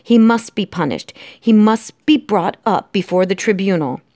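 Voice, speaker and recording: A woman's voice: medium pitch, normal speed, a little mellow, no room sound, natural voice. Storybook role: indignant mouse patriarch, stern, theatrical and despairing, emphatic delivery, dry sound played by a woman. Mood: stern indignation. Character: melodramatic, exasperated father mouse, stern and despairing.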